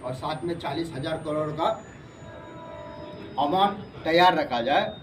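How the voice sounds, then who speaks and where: A man's voice: on the high side, measured pace. A man delivers an emphatic, repetitive political monologue to camera as a vlogger. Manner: emphatic, ranting, repeats himself. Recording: distant mic, faint background noise.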